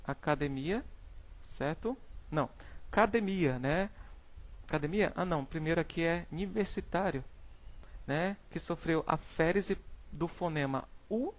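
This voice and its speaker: A young adult male teacher with a Brazilian Portuguese accent presents a lesson from slides, saying each example word slowly and often checking in with "né?" and "certo?". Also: a little high. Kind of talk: classroom slide presentation on phonetics.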